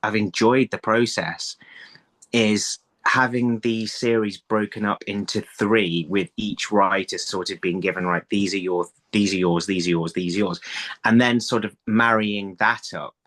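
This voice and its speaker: Speaking at a measured pace with fairly even intonation, a middle-aged audio drama writer joins an interview as a guest. His voice is lowish with a fairly bright tone, and he talks casually, reworking sentences partway through. He's in a small room at home on a video call, using his phone.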